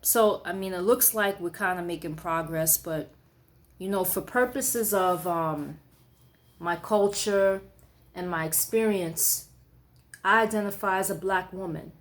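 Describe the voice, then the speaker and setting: Speaking in a fairly low voice, a woman poet delivers a reflective late-night monologue in a conversational style. Her pauses are often filled with "um" and "you know," and she gives her own writing extra force when reading it aloud.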